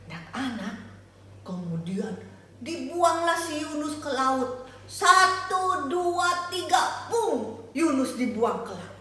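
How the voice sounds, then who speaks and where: A woman's voice: high voice, big pitch swings, takes it slowly, fairly bright tone, a little hiss or hum. An older woman teaching Sunday school, telling a Bible story animatedly, asking the children questions and singing snippets. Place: church hall. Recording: echoey church hall, from far off.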